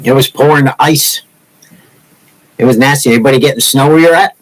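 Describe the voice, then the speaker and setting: A man's voice: mid-range voice, brisk, low-quality recording. A man in his sixties from Massachusetts with no regional accent, chatting casually and teasing viewers as the host of a woodcarving livestream. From Massachusetts, USA. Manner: joking, teasing, rambling.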